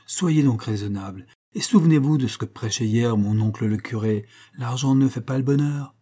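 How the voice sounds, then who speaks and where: A man's voice: mid-range voice, moderate pace, mellow, breathy edge, lightly acted. A man reading aloud voicing a sly, easy-going young husband who teases his father-in-law. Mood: sly, lively. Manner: easy-going, phlegmatic, mocking.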